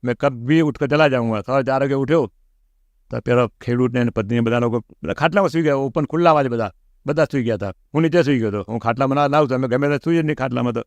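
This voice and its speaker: A middle-aged man, an interview guest, telling a personal pilgrimage story in an animated way and acting out the lines he quotes. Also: medium pitch, very fast, dry recording. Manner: animated, acts out quoted speech.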